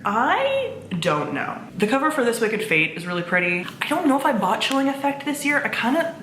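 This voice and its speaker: Chatting to camera as a book reviewer, a woman with a somewhat low, slightly bright voice gushes informally and mildly swears. The recording has an echoey room and faint background noise.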